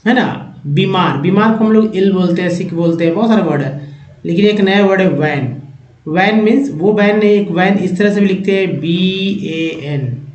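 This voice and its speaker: A man hosting a Hindi-language English vocabulary lesson, explaining each word slowly and repeating it, with a lift in his voice when he brings in a new word. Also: sits high, darkish tone. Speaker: English teacher and channel host. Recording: echoey room.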